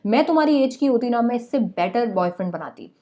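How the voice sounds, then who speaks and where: A woman's voice: fairly high pitch, lively intonation, brisk, mellow, natural voice. A woman voicing a blunt, scornful middle-aged mother who scolds her family sarcastically.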